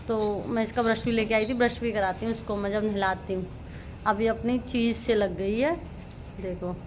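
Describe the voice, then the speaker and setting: A woman's voice: a little high, a little hiss or hum. Chatty woman vlogging at home. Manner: chatty, talks straight to viewers. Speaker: vlogger mother. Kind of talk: casual family vlog narration. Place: at home, later on the rooftop. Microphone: handheld phone camera.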